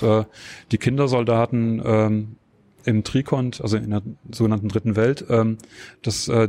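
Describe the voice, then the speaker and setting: A man answering interview questions, explaining at length and pausing often with fillers and tag questions. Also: medium pitch, warm tone. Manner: hesitant, many filler sounds and tag questions. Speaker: interview guest.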